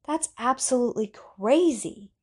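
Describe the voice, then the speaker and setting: A woman voicing a lonely, nervous man who grows frightened and tense, speaking in a slightly husky voice. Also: a little high, animated, unhurried, pitched above the performer's own voice. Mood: exasperated. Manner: tense, rising to frightened shouting.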